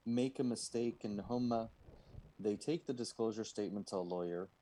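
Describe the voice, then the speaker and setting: Slow-paced man. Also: on the low side, warm tone, rough recording. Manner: step-by-step explaining with rhetorical questions. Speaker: guest lawyer. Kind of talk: explanatory interview answers mixing English and Arabic.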